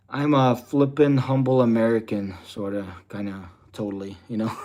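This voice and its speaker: A young Russian man hosts a livestream, answering viewer questions in loose, rambling talk packed with fillers like "you know" and "type deal." His voice is medium-pitched and a little mellow.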